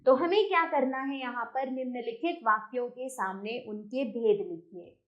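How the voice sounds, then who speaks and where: A woman's voice: fairly high pitch, normal speed, lo-fi sound. A woman teacher explaining a textbook grammar lesson to children, reading exercises aloud and talking to them directly.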